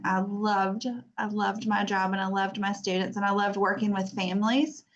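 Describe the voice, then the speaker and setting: An American woman in her fifties giving an informal online talk from home as a guest speaker, chatty and self-deprecating. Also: medium pitch. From United States. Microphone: video call. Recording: dull lo-fi video call audio.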